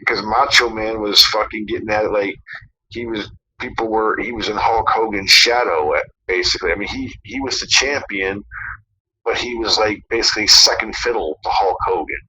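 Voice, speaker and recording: A man's voice: fairly low pitch, normal speed, pushed and bright, dull audio, slight background noise. A man co-hosting a casual podcast, rambling through a story with many fillers and some swearing. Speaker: podcast co-host.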